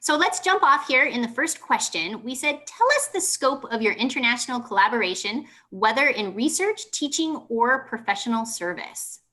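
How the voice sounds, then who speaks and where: Woman moderator on a video call; higher, bright voice, brisk with fillers. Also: expressive. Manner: brisk, with frequent ums. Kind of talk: hosting a video panel.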